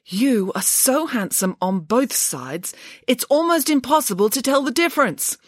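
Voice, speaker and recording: A polite, sensible young girl, as a woman reading aloud puts her on, earnest and soothing. She gushes warmly, with a lively, wide-ranging voice. The recording is dry. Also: a little high, a little slow, no room sound, pitched above the performer's own voice. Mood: gushing.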